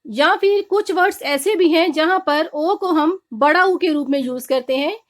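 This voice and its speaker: A woman teaching English letter pronunciation, slowly and deliberately spelling out letters and listing example words. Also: very high voice. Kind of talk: slow instructional explanation.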